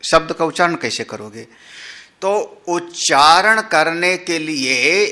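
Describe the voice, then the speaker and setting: Swami teaching scripture; unhurried delivery, fairly high voice, questions the hall and sounds out syllables. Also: male voice, lively intonation, bright, forceful tone. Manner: chants Sanskrit, explains in Hindi, asks listeners questions; demonstrates syllable sounds and tones aloud. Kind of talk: slow scripture discourse. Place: ashram hall.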